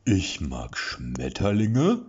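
Brief: male reader as big dumb mercenary, low babyish drone, lilting singsong melody. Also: huge pitch swings, darkish tone, slightly rough, heavily acted. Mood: dreamy singsong. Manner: slow dreamy singsong, deep yet babyish. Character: dim-witted hulking male mercenary, childlike. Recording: dull lo-fi recording.

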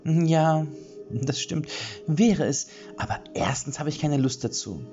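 A cackling fairy-tale witch, put on by a male narrator, pitched high above his own voice and swinging wildly up and down. She taunts her captives with theatrical relish. Background music plays beneath slightly muffled, lo-fi audio. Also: lively intonation, slow pace, dark tone. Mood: gloating glee. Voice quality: high, sing-song and cackling. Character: gleeful cruel female witch, boastful and mocking.

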